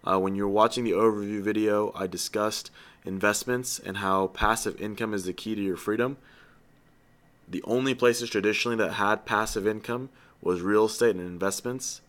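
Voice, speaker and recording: Earnest, persuasive man, lowish voice. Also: steady tone, moderate pace, fairly bright tone. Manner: earnest and persuasive, with rhetorical questions and light jokes. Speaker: company founder addressing new recruits. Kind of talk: motivational orientation talk.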